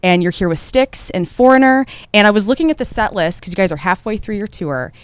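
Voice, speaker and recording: A woman's voice: medium pitch, animated, brisk, smooth, dry recording. A woman radio host asking upbeat questions in an interview.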